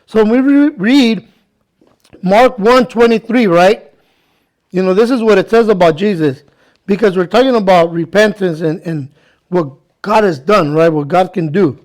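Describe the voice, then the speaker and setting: High-voiced man preaching in two languages. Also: darkish tone. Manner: says each line in Spanish, then repeats it in English; reads scripture aloud, slowing for emphasis. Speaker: pastor. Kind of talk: bilingual sermon.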